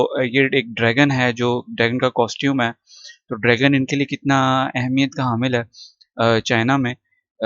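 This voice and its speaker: A man teaching an English lesson, explaining words and repeating them slowly for pronunciation. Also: medium pitch, fairly bright tone, no room sound, dull audio. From Pakistan. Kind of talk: recorded classroom lesson.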